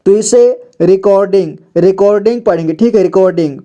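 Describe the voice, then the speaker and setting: A man teaching Hindi reading, who reads a story slowly and spells words out letter by letter. He talks patiently and repeats each word to check it. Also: high-pitched, warm tone, dull audio. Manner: patient, repeats words and says "ठीक है" often; reads story lines slowly, then breaks them into letters.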